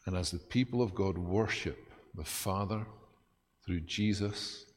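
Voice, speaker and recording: Male pastor, low voice, lively, self-deprecating sermon, long church reverb. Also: measured pace.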